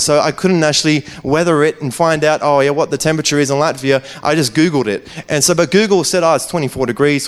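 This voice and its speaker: A man's voice: fairly high pitch, clear, resonant tone. A man, a preacher telling a personal testimony in an earnest, conversational way, often restarting his phrases.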